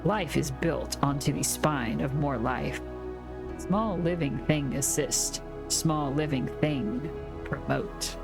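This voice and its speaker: Woman doing a cryptic alien, game dialogue, cold, clipped broken speech, slow, slightly low. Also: creaky, over loud music, full character voice. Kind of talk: reading game dialogue aloud.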